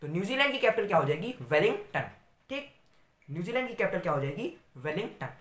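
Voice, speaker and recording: A man teaching a video lesson, his bright voice swinging up and down in pitch. He repeats himself and asks the listener questions he answers at once. The sound is roomy and echoey. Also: very animated, fast talker. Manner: repetitive, asks rhetorical questions and answers them, says "theek hai" often. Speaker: online teacher. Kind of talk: mnemonic tutorial for a video lesson.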